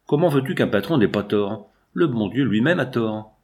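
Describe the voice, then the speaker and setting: Gruff, opinionated working man, blunt and assertive; animated delivery, read by a man. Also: medium pitch, normal speed, lightly acted.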